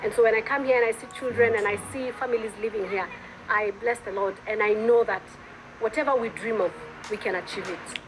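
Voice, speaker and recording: A woman's voice: a little high, fairly even intonation, noisy background. A Kenyan woman with a Kenyan accent, an entrepreneur answering interview questions in an earnest, reflective way. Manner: earnest, reflective, pauses with fillers.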